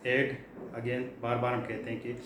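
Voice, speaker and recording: He is a middle-aged Pakistani man with a monotone, mid-range voice, lecturing on English vocabulary in a classroom. He explains patiently, repeats key terms and uses many fillers, while the echoey room carries a faint hum.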